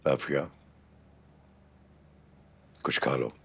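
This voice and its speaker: An actor playing an older, gentle father figure with a gravelly voice, coaxing calmly in a TV drama. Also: drawn-out words. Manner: coaxing, calm.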